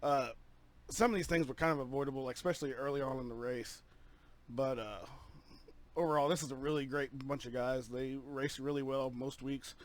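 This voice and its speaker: A man giving a halting, earnest post-race victory interview as a sim racing driver, full of fillers, talking over a voice-chat headset. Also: medium pitch, fairly even intonation.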